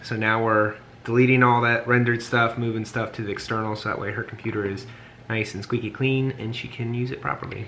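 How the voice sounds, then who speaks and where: A man's voice: mid-range voice, fairly even intonation, a little fast, vocal fry, fairly bright tone, slight background noise. A young man chatting at home on a vlog, joking around and explaining things step by step. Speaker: soldier deploying, vlogger's husband. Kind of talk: casual home vlog chat.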